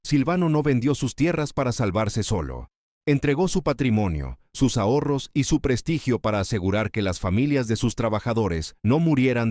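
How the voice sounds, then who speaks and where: Deep-voiced man narrating a dramatic story. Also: darkish tone, no echo, clean studio sound. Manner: solemn, literary storytelling.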